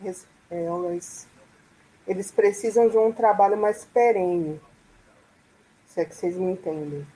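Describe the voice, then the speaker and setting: Woman guest, husky, unhurried, hesitant and reflective, video-call sound. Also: mid-range voice, warm tone, rough recording. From Salvador, Brazil. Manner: halting, thoughtful, with many restarts. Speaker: guest panelist. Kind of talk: casual live-stream discussion.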